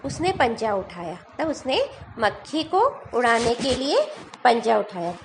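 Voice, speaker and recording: A woman's voice: a little high, sing-song, unhurried, noisy background. A woman teacher telling a story to young children, repeating each line in simpler words. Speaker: schoolteacher.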